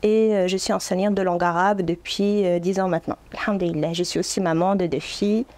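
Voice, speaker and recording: A Moroccan woman in her thirties who speaks Arabic answers interview questions about her work as an Arabic teacher. Her voice sits on the low side with fairly even intonation, and she comes across as earnest, gentle, and measured.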